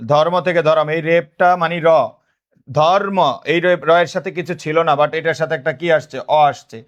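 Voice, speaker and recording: The recording is muffled as a man with a slightly high voice and Bangladeshi accent leads a live online grammar class. Calling himself big brother, he drills his students with the same questions repeatedly.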